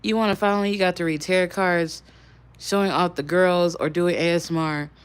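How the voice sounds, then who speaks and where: A young woman chats casually on a livestream in a fairly low, steady, smooth voice at a fairly quick clip. She rambles and occasionally swears while talking with her viewers.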